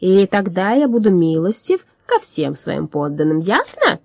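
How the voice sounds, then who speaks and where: A woman voicing a grumpy, boastful old male hunchback alchemist in an audiobook, loudly bragging and scornful. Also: sits low, lively intonation, a little fast, husky, no room sound, studio quality, heavily acted. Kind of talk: audiobook character voice.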